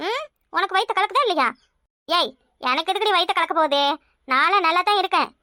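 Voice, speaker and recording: A woman voicing a bossy, scheming village mother in a cartoon, with a Kanyakumari Tamil accent, scolding loudly and doting in turns. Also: very high voice, animated, a little fast, no echo, studio quality, heavily acted. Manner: loud, scolding yet doting.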